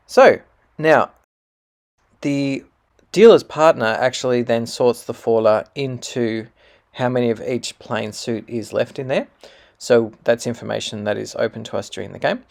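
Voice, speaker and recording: A man with a gravelly edge to his voice walks through a card game hand move by move. He explains patiently and talks in a casual way, pausing on fillers and correcting himself. His pitch sits in an ordinary middle range. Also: animated.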